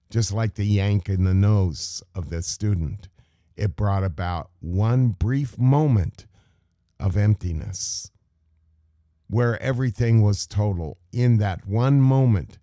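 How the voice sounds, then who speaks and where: A man teaching meditation in a contemplative spiritual talk, measured and full of rhetorical questions. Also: lowish voice, mellow, dry recording, studio quality.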